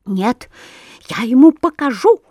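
A woman voicing a hot-tempered male sparrow, a family bird who shouts indignant, rapid outbursts. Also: on the high side, expressive, no room sound, studio quality. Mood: furious.

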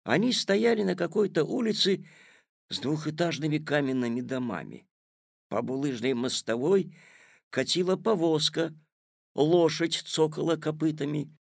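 A man reading a children's tale aloud as narrator, with expressive storytelling on a close studio mic. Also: fairly high pitch, moderate pace, creaky, no echo. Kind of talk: audiobook narration.

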